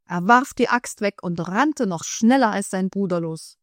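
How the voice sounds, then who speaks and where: A woman narrating a fairy tale in calm, measured storytelling. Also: mid-range voice, no room sound, clean studio sound.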